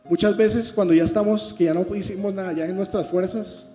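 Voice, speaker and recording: A man's voice: high voice, steady tone, fairly quick. A man preaching a sermon in a conversational, teaching way, asking the congregation rhetorical questions. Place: church hall. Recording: long reverb with soft guitar music.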